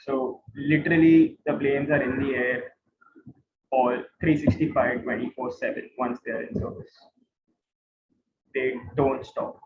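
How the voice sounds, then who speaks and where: An instructor with an Indian accent talks students through an informal explanatory lecture, repeating phrases for emphasis. His mid-range voice has little pitch movement, and he is unhurried and pauses often. The background is noisy, and the online class audio is roomy and tinny, like a phone.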